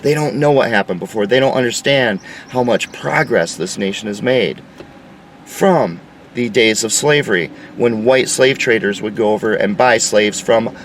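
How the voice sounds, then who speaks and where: A man's voice: on the low side, moderate pace, far from the mic, a little hiss or hum, low-quality recording. A man delivering an insistent, lecturing opinion monologue. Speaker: commentator.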